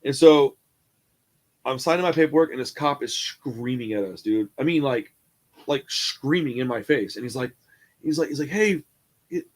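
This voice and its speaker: A man's voice: mid-range voice, normal speed. A man telling a rambling jail story on a casual hangout show, swearing freely and acting out the people in it. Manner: animated, profane, acts out the people in his stories. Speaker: podcast co-host.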